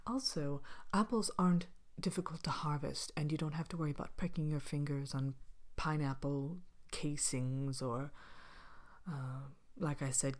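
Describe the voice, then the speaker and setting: Low female voice, a woman acting out a vain fairy-tale villainess queen, haughty, languid, droll, soft ASMR delivery. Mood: wry, chatty. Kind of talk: ASMR character roleplay chat, softly spoken with whispers.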